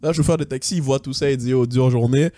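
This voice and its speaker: Fast-talking young man, animated storyteller. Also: medium pitch, no echo. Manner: animated, mixes English slang, acts out voices. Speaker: podcast co-host. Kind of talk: casual storytelling.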